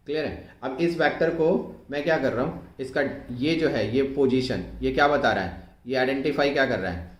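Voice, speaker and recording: A male physics teacher giving an online exam-prep lecture, explaining slowly and repeating himself, often asking whether it is clear and dictating English phrases word by word as he writes. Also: medium pitch, reverberant. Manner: slow, repetitive, keeps asking if it is clear.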